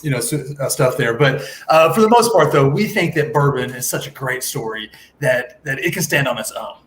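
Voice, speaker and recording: A man's voice: mid-range voice, expressive, moderate pace, fairly bright tone. A man telling a company's story casually, as its representative. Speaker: distillery representative. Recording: roomy echo, background noise.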